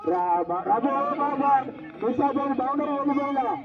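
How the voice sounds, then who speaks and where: A man giving excited, exclamatory live commentary on a village cricket match, outdoors at the ground. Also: very high voice, moderate pace, over a noisy crowd. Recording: muffled, distant outdoor recording with loud noise.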